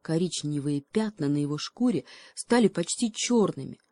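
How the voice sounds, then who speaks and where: A woman narrating a fairy tale in a calm, measured storytelling manner. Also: low voice, no echo. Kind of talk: storybook reading.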